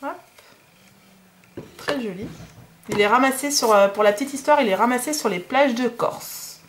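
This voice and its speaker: A woman's voice: on the high side, moderate pace, slight background noise. A woman in her thirties from France, chatting casually in a DIY unboxing vlog, hesitant with many fillers. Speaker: DIY vlogger.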